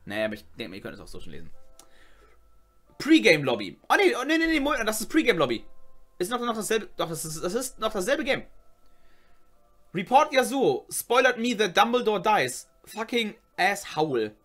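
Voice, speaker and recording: A man's voice: high-pitched, huge pitch swings, fast talker, a bit bright, faint music behind. A young man giving casual, slangy commentary on game chat logs as a gaming YouTuber, exclaiming often.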